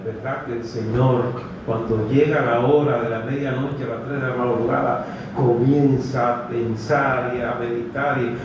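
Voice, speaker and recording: Dominican male preacher, high voice, animated storyteller, heard from afar in a dull recording. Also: noisy background. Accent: Dominican Spanish. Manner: animated storytelling, acting out dialogue. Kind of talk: sermon. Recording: distant, echoey, dull low-fi.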